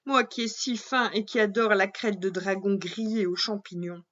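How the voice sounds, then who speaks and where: A woman voicing a hungry, carefree young princess who loves grilled dragon, squeaky and cheerful. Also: normal speed, fairly bright tone, dull audio, natural voice. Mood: greedy.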